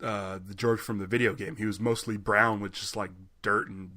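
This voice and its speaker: A man's voice: on the low side, level tone, moderate pace, pushed and bright. A man co-hosting a podcast, chatting casually, laughing easily and hesitating now and then. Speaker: podcast co-host. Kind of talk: casual chat.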